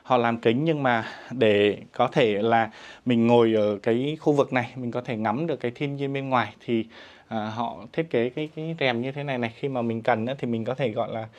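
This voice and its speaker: A man's voice: mid-range voice, a little fast, lo-fi sound. A man giving a walking property tour of a riverside resort outdoors, speaking politely and deferentially to his viewers with frequent fillers, filmed on a handheld phone. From Vietnam. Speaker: real estate agent giving a property tour.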